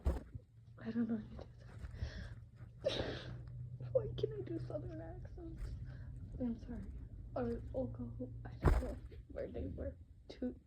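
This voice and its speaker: A voice actor improvises a listener role-play story at home, speaking into a phone with a high, expressive voice. She goes at a measured pace, pausing often, rambling with plenty of fillers and at times slipping into a whisper, over a noisy background.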